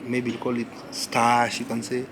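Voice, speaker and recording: In a cafe at night with background noise, a man with a Kenyan accent chats casually and teaches slang. His mid-range voice is monotone and fairly quick. He's laid-back, repeats words, and says "yeah" a lot.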